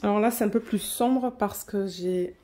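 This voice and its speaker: A woman vlogging an unboxing in a quick, chatty way, reading out color numbers at home. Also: medium pitch, dark tone. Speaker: diamond painting vlogger. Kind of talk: casual unboxing chat.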